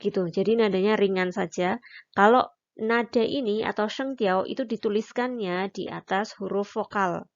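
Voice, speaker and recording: A woman's voice: medium pitch, moderate pace, muffled recording. A woman teaching a language lesson, patiently explaining and demonstrating each syllable aloud. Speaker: Mandarin teacher. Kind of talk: recorded online lesson.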